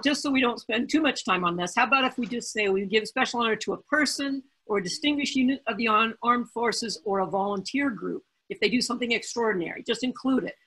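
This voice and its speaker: A woman runs a council meeting over a video call, with a bright tone and a slightly husky edge. She moves through motions briskly and cracks small jokes along the way. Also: a little high, rough recording. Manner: joking, brisk, chatty. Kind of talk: casual meeting chairing.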